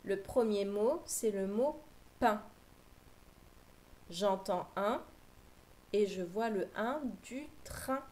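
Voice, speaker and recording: A woman teacher giving a slow, patient phonics lesson for young children, spelling out sounds clearly. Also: mid-range voice, darkish tone, poor audio.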